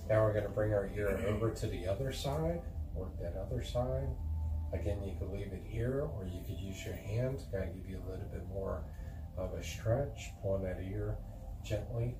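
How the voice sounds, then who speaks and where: In a roomy, echoing space, a man with a lowish voice gives calm stretching instructions. He coaches gently and without hurry. The mic sits at a distance, with clear noise behind him. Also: normal speed. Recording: echoey room, distant mic, noisy background.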